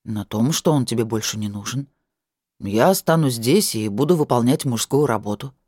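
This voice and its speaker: Brief: grim dragon-blooded man, low, slow and heavy, dry close sound, read by an audiobook narrator. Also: expressive, no room sound, lightly acted. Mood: grave. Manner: quiet, measured, heavy.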